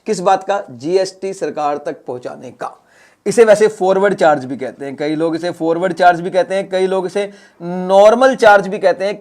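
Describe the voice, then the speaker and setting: A man teaching a class, lecturing in a lively way, repeating words and acting out small scenes to explain. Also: high voice. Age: adult, has a son. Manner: animated, repeats words, acts out little scenes.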